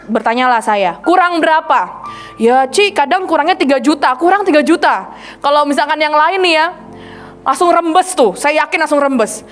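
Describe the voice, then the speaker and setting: A woman evangelist preaching a sermon, retelling testimonies and acting out the people she quotes in a lively way. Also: high-pitched, normal speed, soft background music.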